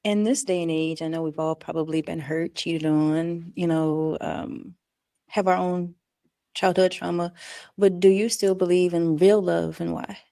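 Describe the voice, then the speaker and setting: Brief: woman contestant, low gravelly dark voice, earnest questioning, dry sound. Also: fairly even intonation, unhurried, dry recording. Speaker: dating show contestant.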